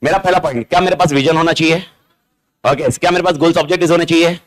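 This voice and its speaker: A middle-aged man teaching a live classroom lecture that is also streamed online. He talks in an animated, teasing way, repeats key words and fires questions at the class over a classroom mic. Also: on the high side, very fast. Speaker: accounting exam lecturer. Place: classroom with students present. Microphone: amplified classroom mic.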